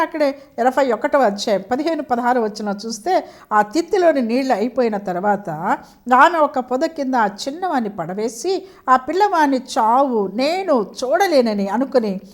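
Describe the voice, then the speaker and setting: A woman preacher giving an animated sermon with a Telugu accent, often putting questions to her listeners and calling for hallelujah. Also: high-pitched.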